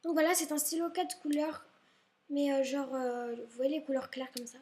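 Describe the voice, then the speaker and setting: Showing off school supplies indoors at home, a young vlogger talks casually in a high-pitched, somewhat mellow voice with little pitch movement and normal speed. She wanders off topic, keeps apologizing, and sounds slightly sick, perhaps with a stuffy nose.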